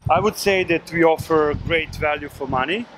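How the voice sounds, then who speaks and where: A man in his thirties who runs a digital agency, answering interview questions in a relaxed way, with many fillers and restarts. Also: a little high, normal speed. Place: outdoors on a city street. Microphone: filmed by handheld camera. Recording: noisy street recording.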